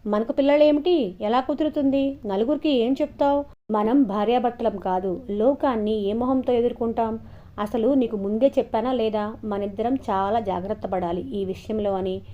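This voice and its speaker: A woman voicing a frightened, angry married man who shouts at his lover, in a dull lo-fi recording. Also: on the high side, normal speed, natural voice. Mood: angry, panicked. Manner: shouting, agitated.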